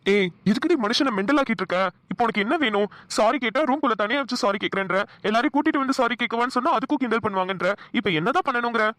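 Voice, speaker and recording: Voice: mid-range voice, expressive, very fast, fairly bright tone, no echo, close to an everyday voice. A voice actor playing a young cartoon husband who scolds his wife, then coaxes and teases her. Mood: exasperated. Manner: scolding, then pleading and chuckling. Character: teasing young husband, bossy then coaxing. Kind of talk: Tamil cartoon dialogue.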